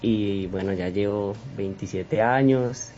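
Earnest young man, low dark voice. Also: takes it slowly, soft background music. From Colombia. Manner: earnest and reflective. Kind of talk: interview answers. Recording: dull lo-fi recording.

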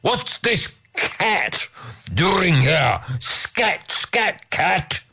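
A blustering storybook king, put on by the reader, indignant and bossy. His outbursts are delivered slowly, with pitch that leaps high and drops low. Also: big pitch swings, vocal fry, breathy edge, exaggerated voice. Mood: angry. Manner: blustering, shouting. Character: angry stubborn old king. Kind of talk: storybook reading.

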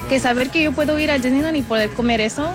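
A woman's voice: high voice, fast talker, music in the background. A woman from Mexico answering radio interview questions in a friendly, plain-spoken way. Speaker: interview guest, park food staff.

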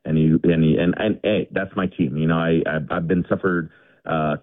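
A man's voice: deep voice, steady tone, moderate pace. A middle-aged man from India calling in to a radio show, chatting casually and rambling with lots of fillers and restarts. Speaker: caller. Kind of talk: casual call-in chat. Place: home garage. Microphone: phone. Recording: tinny phone line.

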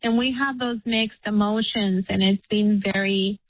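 A woman calling in to a radio show on a phone line that keeps cutting out, talking in a hesitant, halting way with many fillers. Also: mid-range voice, fairly even intonation, no echo. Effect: phone call that keeps cutting out, asked about Bluetooth or speakerphone. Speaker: radio call-in caller. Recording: tinny, dry phone line.

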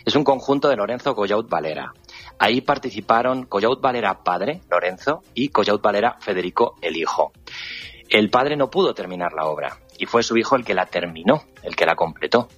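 A low, husky man in his forties, originally from Toledo, explains history as a guest on a radio programme. He tells his stories with warm enthusiasm, and the studio sound comes across somewhat dull and lo-fi. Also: animated, brisk, faint music behind. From Spain (Toledo). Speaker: guest, guided-tour historian. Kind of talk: radio interview.

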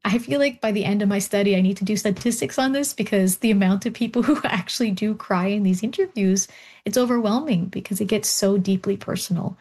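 A young woman, a doctoral researcher appearing as a guest on an interview show, tells personal stories with animation, laughing often and restarting sentences. Her voice is mid-range, brisk, and dark in tone.

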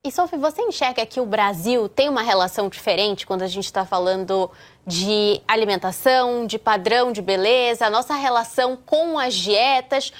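Woman interviewer, fairly high voice, clear inquisitive questions. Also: normal speed.

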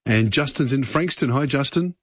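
A man's voice: mid-range voice, normal speed, slightly rough, no room sound, dull audio. Male Australian talkback host, mid-range voice, dry studio sound. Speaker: radio host. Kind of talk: talkback radio hosting.

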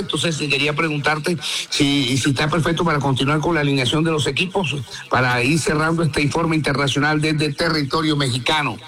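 A man's voice: on the high side, fairly bright tone. A man giving an opinionated live radio football report, addressing listeners directly. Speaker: radio sports correspondent.

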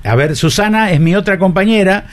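A man's voice: high-pitched, expressive, a little fast. A man with an Argentine accent hosting a casual interview, jovial and often repeating his phrases. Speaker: interview host. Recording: clearly noisy audio.

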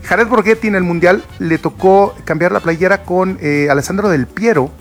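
A man's voice: sits high, normal speed, faint music behind. A man with a Mexican accent hosting a sports talk show, introducing clips and agreeing with co-hosts.

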